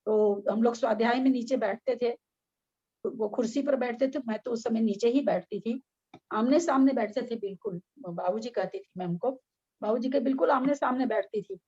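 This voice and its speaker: A woman's voice: a little high, normal speed, warm tone, slightly rough, lo-fi sound. A middle-aged woman teaching an online scripture study class, her voice strained and weak, talking with effort and scolding at times. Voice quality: strained, weakened voice. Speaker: religious study group teacher. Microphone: video call.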